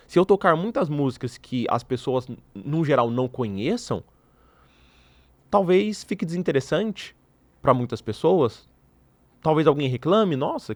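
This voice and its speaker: A young adult man hosting a podcast, giving his opinions in an animated, playfully provocative casual way, from Brazil. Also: medium pitch, no room sound. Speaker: podcast host. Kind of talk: casual commentary to camera.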